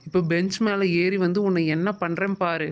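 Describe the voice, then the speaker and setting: A woman's voice: on the low side, little pitch movement, normal speed, natural voice. A woman doing a bossy hot-tempered schoolboy. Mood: threatening. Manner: threatening, bossy. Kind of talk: doll show voice acting.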